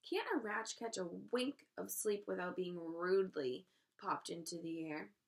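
A lazy storybook rat who drawls and mocks with gravelly sarcasm, as a woman reader puts him on. His lines drip with grumbling self-pity, and the voice has a rough, fried texture. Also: lowish voice, measured pace. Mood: grumpy.

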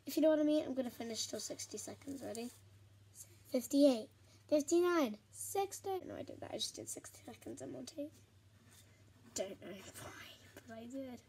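A woman's voice: sits high, brisk, creaky, mellow, a little hiss or hum. A young woman chatting to herself in a rambling, giggly way as she works on a pastel drawing for her vlog. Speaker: vlogger. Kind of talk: chatty art vlog narration.

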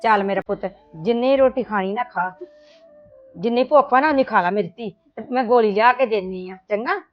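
A woman's voice: fairly high pitch, moderate pace, dull audio, close to an everyday voice. A protective, loving mother played by a middle-aged woman coaxes and soothes. Faint music plays behind her. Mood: soothing. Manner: soothing, coaxing, fussing tenderly. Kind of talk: family drama acting.

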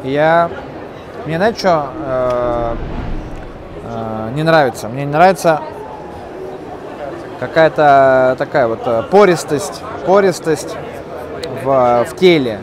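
A man's voice: medium pitch, slow, pauses often. Chatty man at a noisy expo. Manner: chatty, joking, hesitant fillers. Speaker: video blogger at a trade expo. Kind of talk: casual on-the-spot interviews. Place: crowded indoor expo hall. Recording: loud crowd noise behind.

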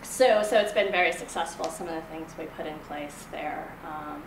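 A woman's voice: sits low, normal speed. A woman in her forties from Kenya, giving a conversational conference presentation with many ums and restarts. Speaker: venture investor giving a talk. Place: meeting room in front of a projector screen. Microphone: room mic from a distant camera. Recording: echoey room, far from the mic, audible room noise.

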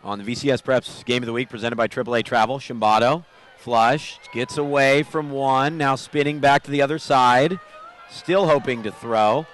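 A man calling a football game play by play, rising into excited calls on big plays. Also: medium pitch, moderate pace. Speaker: play-by-play announcer. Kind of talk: live football commentary.

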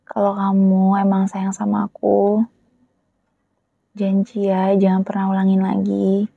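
Husky young woman in whispered role-play. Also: medium pitch, monotone, measured pace, no room sound, phone-quality sound. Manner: soft, close, often whispered speech. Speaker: ASMR creator playing a jealous girlfriend. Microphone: close ASMR microphone.

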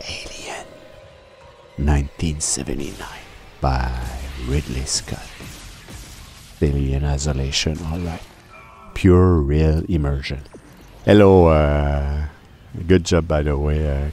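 A man giving live reaction commentary and critique over gameplay, pausing to analyze, then repeating words in bursts of mock outrage. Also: extremely low pitch, vocal fry, dark tone, slight background noise. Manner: deliberate, analytical critique with pauses. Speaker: video game reviewer.

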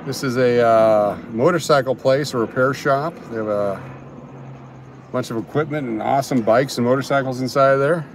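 A man's voice: mid-range voice, moderate pace, slight background noise. A man hosting a live stream outdoors on a downtown street. He gives casual commentary on what is going on around him and reads out viewer comments. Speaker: livestream host.

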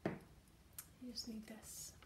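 A woman leading a gentle guided meditation while folding paper, talking softly with many fillers and often dropping to a near whisper. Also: drawn-out words. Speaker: meditation leader. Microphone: computer or phone camera.

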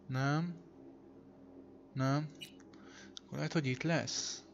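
A man's voice: medium pitch, fairly even intonation, vocal fry, a little hiss or hum. Chatty man narrating his game, swearing. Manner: chatty, thinks aloud, swears at mistakes. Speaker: gamer streaming a playthrough. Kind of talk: casual let's play commentary.

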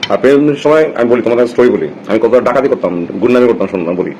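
A man's voice: mid-range voice, racing, darkish tone, muffled recording, slight background noise. A man with a Bangladeshi Bengali accent, telling personal stories in casual chat on a live stream. He rambles, restarts often and slips into English.

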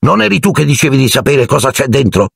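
A man's voice: mid-range voice, very animated, fast, vocal fry, husky, dry recording, clean studio sound, voice pushed up, heavily acted. A man voicing a small male wizard professor who speaks in a sing-song way. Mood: mocking.

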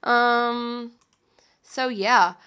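A woman's voice: fairly high pitch, steady tone, drawn-out words, pushed and bright, clear, resonant tone. A woman hosting a live stream in a loose, chatty way. She rambles through her points with plenty of fillers and bursts of giggling. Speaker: podcast host. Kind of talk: casual live-stream chat.

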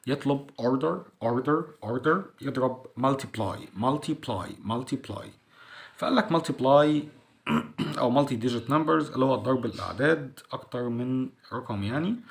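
A man with an Egyptian Arabic accent, teaching a school English lesson and drilling each word by repeating it slowly. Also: medium pitch, gravelly.

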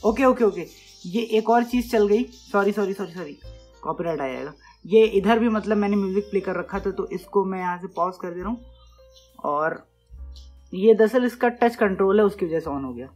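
A man talks viewers through a tech setup in a relaxed, conversational way, pausing often to check they are following. Soft music plays faintly behind him. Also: high voice. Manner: chatty, explanatory, often checks in with "okay". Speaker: tech tutorial host. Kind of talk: casual step-by-step tutorial. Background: faint music playing from his phone.

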